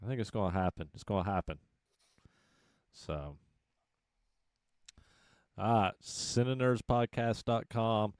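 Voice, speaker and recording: Podcast co-host, male, low voice, teasing and eager, dry close mic. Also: animated, measured pace, long pauses, darkish tone, dry recording. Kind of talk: casual podcast chat.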